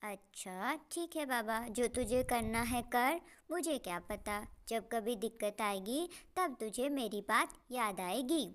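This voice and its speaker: A woman's voice: on the high side, expressive, slow pace, few pauses, a bit bright. A woman voicing a nagging cartoon sister bird. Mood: scolding. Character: hardworking scolding female bird, elder sister.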